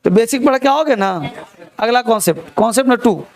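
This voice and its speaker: A man's voice: very high voice, animated, a little fast, a little mellow. A man teaching a spelling lesson to a class, repeating key words and quizzing his students. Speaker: English teacher.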